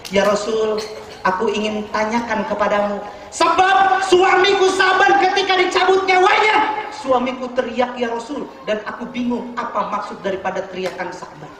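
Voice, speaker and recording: A man's voice: very high-pitched, normal speed, a bit bright, very echoey, a little hiss or hum. A man voicing a grieving young widow who pleads for answers during a sermon story. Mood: pleading.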